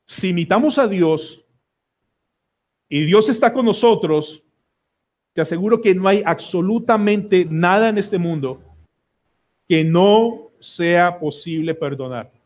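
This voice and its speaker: Emphatic Colombian pastor preaching. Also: male voice, sits high, slow pace, long pauses, darkish tone. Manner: emphatic, pleading, asks the congregation many questions. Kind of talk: sermon. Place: church sanctuary.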